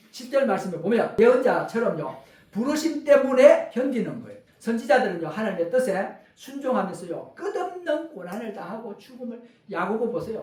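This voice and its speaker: A man preaching a sermon as pastor with a Gyeongsang Korean accent, speaking emphatically and often addressing the congregation. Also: high-pitched. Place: church sanctuary. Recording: roomy echo, from far off the mic.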